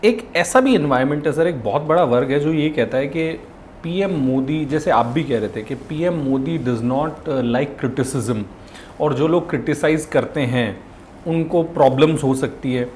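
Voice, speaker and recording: A man's voice: on the high side, measured pace, darkish tone, a little hiss or hum. A man hosting a podcast, asking polite, respectful interview questions. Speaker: podcast host.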